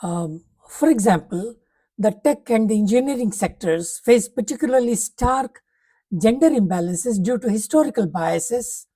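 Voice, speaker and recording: A woman reading a prepared talk aloud, setting out numbered points in a measured, formal way. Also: a little high, expressive, warm tone, slightly rough, rough recording.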